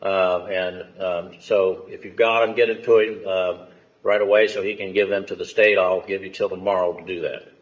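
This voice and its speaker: An American man speaking as a judge, stern and lecturing, with halting pauses, questioning and admonishing in a courtroom. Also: sits low, fairly even intonation. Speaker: judge presiding over a hearing. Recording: muffled courtroom audio.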